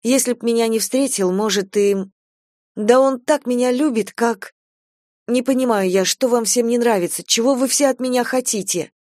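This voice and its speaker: A woman's voice: medium pitch, moderate pace, a little mellow, no room sound, studio quality, natural voice. A woman reading an audiobook, voicing a young pregnant wife who defends her husband in a raised, pleading voice. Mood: upset.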